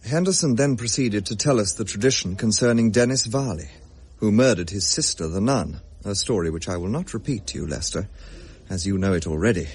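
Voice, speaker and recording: An actor plays a gentleman narrator recounting his own ghost story in measured, formal period style. His husky voice sits on the low side and is animated, while the mood stays grave and measured.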